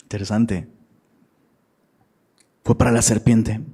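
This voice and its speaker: A man's voice: lowish voice, fairly even intonation, takes it slowly, warm tone, husky. A man preaching a casual sermon to a live audience as a youth pastor, slangy and chatty, often asking the crowd questions. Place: church hall. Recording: long hall reverb.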